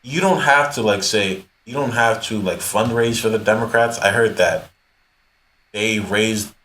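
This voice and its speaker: A man co-hosting a podcast, talking politics in a measured, hesitant way full of fillers. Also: fairly low pitch, fairly bright tone. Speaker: podcast co-host. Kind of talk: casual political talk. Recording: echoey room with faint noise.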